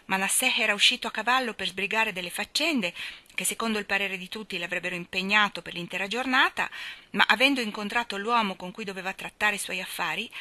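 A woman reading a novel aloud as audiobook narrator, measured and expressive. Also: mid-range voice, no echo. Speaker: audiobook reader.

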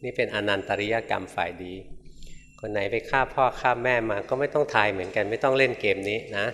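A man, a Buddhist monk, giving a Dhamma talk in a conversational, gently humorous storytelling manner. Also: fairly low pitch, fairly quick. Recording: reverberant hall with faint noise.

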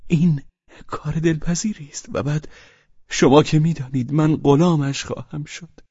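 A man voicing an anxious, fawning middle-aged man who pleads and stammers in a raised, wavering voice. The tone is husky and dry. The recording has a dull, lo-fi sound. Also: steady tone, warm tone, no room sound. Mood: effusive. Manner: pleading, stammering and high-strung.

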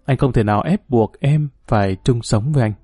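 A man voicing a patient middle-aged ex-husband who speaks gently and with resignation, in a mellow voice. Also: medium pitch, fairly quick, slightly rough, no echo, clean studio sound, faint music behind, natural voice. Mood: resigned.

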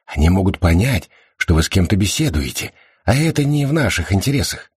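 A man's voice: low-pitched, sing-song, a little fast, darkish tone, breathy edge, no echo, clean studio sound, heavily acted. A man voicing a sly, evasive young male hacker in an audiobook, with a smug, teasing manner. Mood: earnest. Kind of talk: audiobook character voice.

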